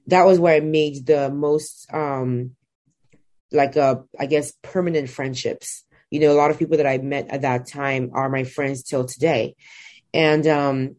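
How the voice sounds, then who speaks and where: A woman's voice: low voice, mellow. A woman in her twenties from Nigeria, a guest telling her life story in a reflective way with many fillers. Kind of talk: personal storytelling interview.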